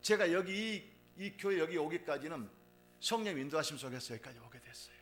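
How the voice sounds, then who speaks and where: A man's voice: fairly high pitch, animated, a little fast, fairly bright tone, a little hiss or hum. A middle-aged man preaching a sermon, telling a personal testimony and rising to emphatic fervor. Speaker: pastor.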